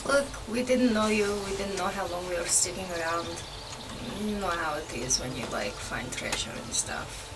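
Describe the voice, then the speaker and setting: A woman's voice: fairly low pitch, animated, moderate pace, background noise. A woman playing a tabletop game, talking in character in a friendly, chatty way. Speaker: player. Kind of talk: in-character tabletop role-play. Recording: distant mic with background music.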